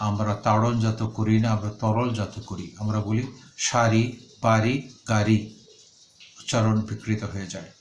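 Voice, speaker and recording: A man, a professor, giving a measured lecture and carefully enunciating example sounds one at a time. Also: lowish voice, a little mellow. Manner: slow, deliberate, enunciating each example sound. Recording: echoey room with faint ambient noise.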